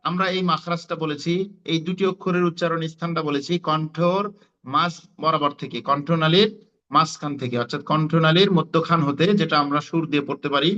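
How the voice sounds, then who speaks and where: A man teaches Quran pronunciation, pausing on fillers and sounding out letters again and again. His voice sits a little high and rings bright and forceful. The audio is dull and lo-fi. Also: steady tone. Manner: repeats letter sounds for students to copy, many fillers. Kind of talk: online Quran pronunciation class.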